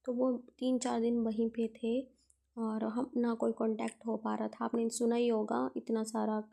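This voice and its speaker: A young woman talks through her day as a relaxed vlog voice-over, chatty and homely. Her voice is a touch high and gravelly, with a dark tone. She keeps a fairly flat, even melody throughout. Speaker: vlogger. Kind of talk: casual vlog narration.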